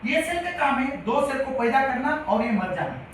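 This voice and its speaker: High-voiced man lecturing in an echoey hall. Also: sing-song, moderate pace. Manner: repetitive, quizzes the audience. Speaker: health lecturer. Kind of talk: classroom-style lecture. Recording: echoey hall from far off, faint hiss.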